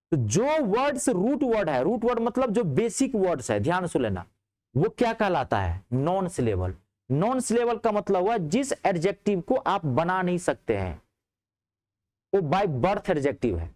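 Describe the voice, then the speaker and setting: A man teaches a grammar class aloud, posing checking questions to his students and then answering them himself. He's lively, his voice rising on the questions and dropping low on the answers.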